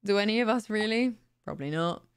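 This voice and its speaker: Speaking quickly and animatedly in a mid-range voice, a young adult streamer chats casually and thanks viewers late at night from her home streaming room. She's tired, slightly raspy, chatty and bubbly, laughing easily. A boom studio mic sits close to her mouth.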